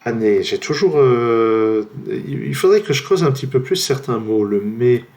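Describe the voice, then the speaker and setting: Slow-musing French man guessing words. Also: mid-range voice, animated, darkish tone. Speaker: gamer playing a word-guessing game. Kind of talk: thinking aloud while playing. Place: at home by his computer.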